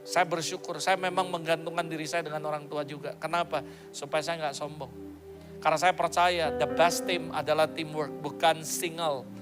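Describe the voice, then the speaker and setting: A man's voice: on the high side, flat delivery, normal speed, over music. A male pastor preaching a sermon in a playful, joking way, slipping English phrases into his talk.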